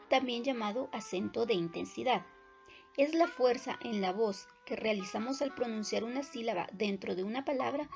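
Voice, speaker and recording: A woman teaching a recorded lesson, explaining in a clear, measured way. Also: a little high, a little mellow, lo-fi sound.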